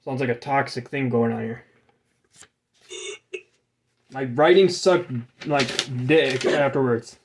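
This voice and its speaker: A man's voice: medium pitch, steady tone, slow pace, pauses often, a little hiss or hum. A young man running a tabletop game, rambling with crude jokes and lots of fillers. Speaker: game master. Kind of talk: casual tabletop game narration.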